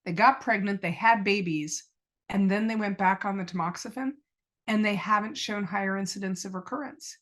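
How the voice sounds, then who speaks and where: A woman's voice: medium pitch, moderate pace, a bit bright. Earnest middle-aged woman telling her story. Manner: earnest, retells conversations as quoted dialogue. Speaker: podcast guest. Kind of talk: personal storytelling in an interview.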